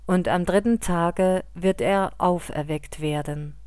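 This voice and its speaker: A woman reading the words of a calm male teacher speaking to his followers, in a solemn, measured way. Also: high-pitched, clean tone, dry recording, clean studio sound.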